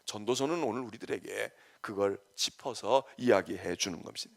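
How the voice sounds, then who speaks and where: A male pastor delivering an early-morning sermon, swinging from emphatic preaching to quiet acted-out asides. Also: on the low side, normal speed, gravelly. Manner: animated preaching that drops to soft, quoted asides. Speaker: senior pastor. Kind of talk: dawn service sermon.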